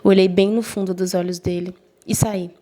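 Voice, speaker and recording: A woman's voice: on the low side, level tone, normal speed, mellow. A young woman narrates her own story in the first person. She speaks with open emotion and feeling, and briefly takes on the voices of the other people she quotes. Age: young adult. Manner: emotional, voices quoted friends and mother lightly.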